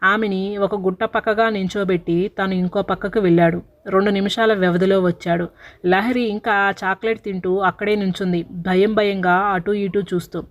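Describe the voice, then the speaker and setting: A woman's voice: mid-range voice, fairly even intonation, normal speed. Woman storyteller, dramatic and sorrowful, mid-range voice, audiobook narration.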